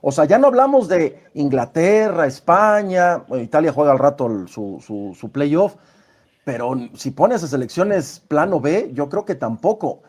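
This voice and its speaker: A man's voice: a little high, lively intonation, moderate pace, darkish tone. A man with a Mexican accent giving emphatic, opinionated sports analysis on a live show. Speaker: sports pundit.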